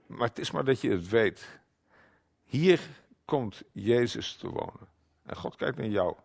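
Gravelly preacher with dramatic swings. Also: male voice, medium pitch, expressive. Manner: swings from loud declaiming to quiet, slow emphasis. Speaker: guest preacher. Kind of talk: sermon.

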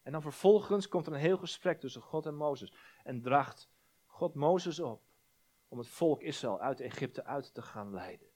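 A man preaching a sermon, stumbling over repeated words and dropping to a hush for quoted prayers. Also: on the high side, expressive, moderate pace. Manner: repeats words when stressing a point, drops to a hushed voice for prayers.

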